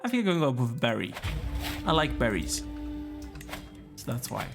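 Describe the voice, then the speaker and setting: A man's voice: medium pitch, sing-song, moderate pace, vocal fry, music in the background. A tired, yawning man casually commenting as he plays a strategy game, musing aloud and chatting to the characters on screen. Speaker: let's play gamer.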